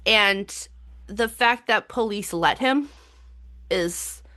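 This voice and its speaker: Bright-voiced woman chatting casually. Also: medium pitch, extremely slow. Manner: chatty, swearing, laughing, restarts often. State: has the hiccups. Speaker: podcast co-host. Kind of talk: casual chat.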